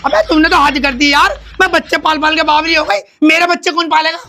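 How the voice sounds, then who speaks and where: A man playing a brash, bossy young woman who scolds her older sister loudly in a comic sketch. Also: very high voice, fairly quick. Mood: ranting. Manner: loud, scolding, theatrical.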